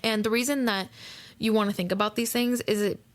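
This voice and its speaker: Woman, mid-pitched podcast host, loose conversational delivery, filler-heavy, reads book passages between asides. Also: fairly even intonation, fairly quick. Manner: chatty, many fillers and "right?" asides. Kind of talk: casual solo podcast talk.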